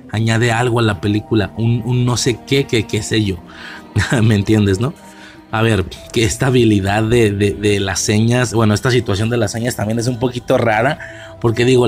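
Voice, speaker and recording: A man with a Mexican accent giving a casual film commentary, rambling and slangy, with many fillers and restarts. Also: lowish voice. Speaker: movie reviewer.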